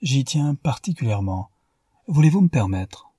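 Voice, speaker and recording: A man's voice: medium pitch, very animated, moderate pace, mellow, slightly rough, no room sound, studio quality, voice pushed up. A man voicing a cold, stiff French marquis in an audiobook, with a solemn, formal manner.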